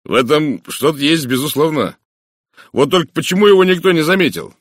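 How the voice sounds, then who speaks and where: Man doing a loud, exclaiming hearty official. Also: on the high side, animated, a little fast, no echo, clean studio sound, voice pushed up. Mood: impressed. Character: hearty male official, easily impressed.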